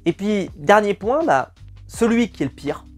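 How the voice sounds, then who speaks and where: A man's voice: sits high, lively intonation, a little slow, faint music behind. A man giving a casual, exasperated spoken film review, often repeating words for emphasis. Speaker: film critic.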